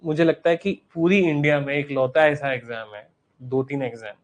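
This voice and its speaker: Chatty Indian man, slightly high voice. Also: normal speed. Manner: relaxed, chatty, mixes Hindi and English. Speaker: co-teacher, former bureaucrat. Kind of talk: casual classroom discussion.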